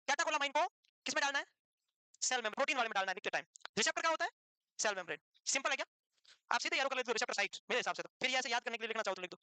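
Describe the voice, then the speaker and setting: A woman teaches a lively exam-prep class at high speed, her voice high and bright. She fires questions at her students, answers them herself and slips in teasing scolds. The sound is dry and close. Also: no room sound, poor audio.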